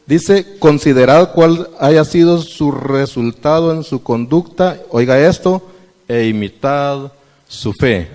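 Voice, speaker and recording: A man's voice: medium pitch, darkish tone. Man, sermon, preaching voice, long church reverb. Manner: preaching with questions to the congregation and scripture readings. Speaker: church member addressing the congregation.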